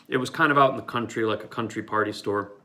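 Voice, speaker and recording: A man's voice: fairly low pitch, quick pace, sharp tone. A man from Michigan telling a personal story casually, rambling with lots of fillers and restarts. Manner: rambling, many fillers and restarts, with acted-out quotes.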